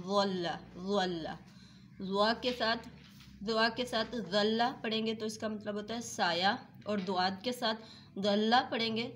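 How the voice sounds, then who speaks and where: Lady teacher giving a quran recitation lesson to her students, measured, says um and clears her throat a lot. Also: fairly high pitch, slight background noise. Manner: measured explaining, slow chanted recitation of quotes; throat clearing, hesitant fillers. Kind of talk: religious lesson to female students.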